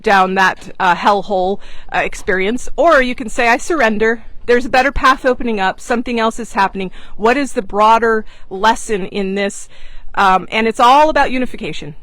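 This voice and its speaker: A woman with a fairly high voice talks to her followers in an earnest, chatty way, full of fillers and spiritual encouragement. She speaks from a boat outdoors, like an online mentor sharing a personal message. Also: normal speed, fairly bright tone, dry recording, rough recording. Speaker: online mentor and course host. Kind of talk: casual heartfelt monologue.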